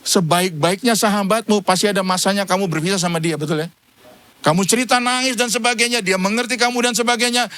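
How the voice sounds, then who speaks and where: A man's voice: high-pitched, fairly bright tone. A man, a pastor, giving a humorous church sermon, telling stories and acting out conversations with his wife, chuckling between points. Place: church service.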